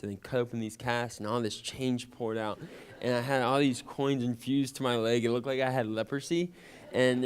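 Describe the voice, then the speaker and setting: A young man from Louisiana, a guest actor, telling personal stories in an animated way and acting out childhood conversations. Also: medium pitch, clean tone. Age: young adult. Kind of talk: personal storytelling.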